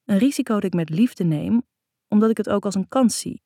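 A woman's voice: medium pitch, lively intonation, brisk, dark tone, dry recording, clean studio sound. A woman narrating a first-person novel in an intimate, reflective way. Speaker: audiobook narrator.

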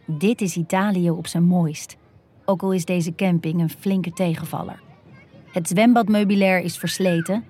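A woman narrating a first-person erotic story in an intimate, hushed and dreamy way. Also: mid-range voice, breathy edge.

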